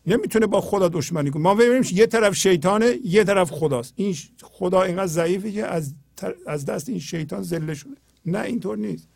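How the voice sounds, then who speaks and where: A man hosting a spiritual talk, explaining poetry earnestly and often dropping to a low, quiet tone. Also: vocal fry, no echo, clean studio sound.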